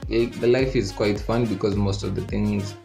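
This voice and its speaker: A young man from Kenya talks in a fairly low, gravelly voice, explaining things at a measured pace with small hesitations. Faint music plays in the background. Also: steady tone, mellow. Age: young adult. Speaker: guest. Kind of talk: casual chat.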